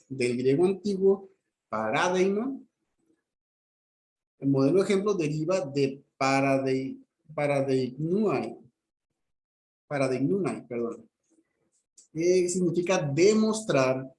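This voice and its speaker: A man's voice: fairly high pitch, darkish tone, echoey room. A man, lecturing a class and checking in with "¿ok?" as he explains step by step. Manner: explanatory, frequent "¿ok?" check-ins and restarts. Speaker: teacher.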